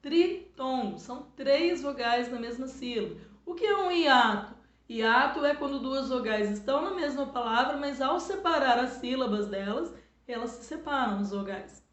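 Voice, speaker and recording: A middle-aged woman teacher with a Brazilian Portuguese accent, patiently explaining a spelling lesson to children and sounding words out slowly. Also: sits high, animated. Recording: echoey room, dull lo-fi sound.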